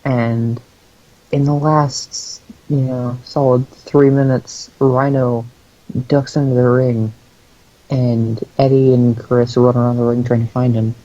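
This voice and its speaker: Podcast guy rambling thru a recap, crude jokes, lots of um and you know, monotone, dull lo-fi sound. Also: mid-range voice, slow, dry recording. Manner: rambling, crude joking, many fillers. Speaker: podcast co-host. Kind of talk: casual comedic recap chat.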